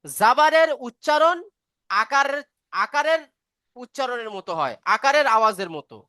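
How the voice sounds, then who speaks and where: A woman's voice: on the high side, very animated, moderate pace, bright, forceful tone, no echo, studio quality. A woman teaching a beginner reading class online, patiently explaining step by step and asking if students follow.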